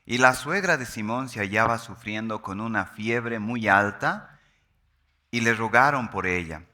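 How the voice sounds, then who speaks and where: Pastor, male, bright voice, solemn and measured scripture reading, slows for emphasis. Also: fairly low pitch.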